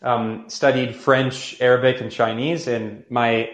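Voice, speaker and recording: A young man hosting a call-in podcast speaks a little slowly at medium pitch with a level tone. He talks casually and thinks aloud, full of fillers and restarts, in a roomy, echoing space.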